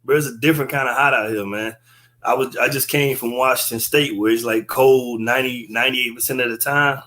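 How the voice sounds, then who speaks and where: A relaxed man in his thirties, chatting as a guest in an easy, slang-filled drawl. He sits indoors and talks into a webcam on a video call. His voice sits at an ordinary middle pitch. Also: brisk. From Texas. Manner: laid-back and slangy. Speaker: guest comedian. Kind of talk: casual interview chat. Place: indoor room.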